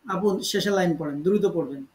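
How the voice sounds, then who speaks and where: A man with a fairly high voice leads an online Quran recitation class. He patiently corrects each student and repeats words slowly to model the sounds. The call has a roomy echo.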